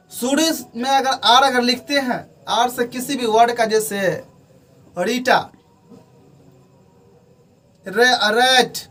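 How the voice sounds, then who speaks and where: Slow, high-voiced man teaching at a board. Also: a bit bright, far from the mic. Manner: slow, explanatory, spelling out letters one by one. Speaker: English pronunciation teacher. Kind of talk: classroom lesson at a board. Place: room with a board.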